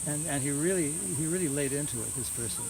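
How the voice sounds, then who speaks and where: Speaking fast in a fairly high voice, a religious lecturer shares recollections in an informal talk at a housewarming, often repeating words while searching his memory. A small live audience is present, and loud hiss and chirping crickets fill the noisy, outdoor-sounding recording.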